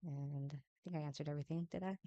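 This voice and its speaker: A woman in her thirties introducing herself as a panelist, relaxed and a little unsure of herself. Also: deep voice, rapid-fire, dry recording, dull audio. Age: 30s. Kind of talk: casual chat.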